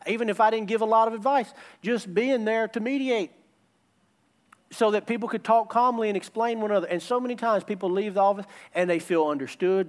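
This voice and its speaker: Earnest high-voiced pastor, lilt. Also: male voice. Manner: earnest, plain-spoken counsel with quick asides. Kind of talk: sermon.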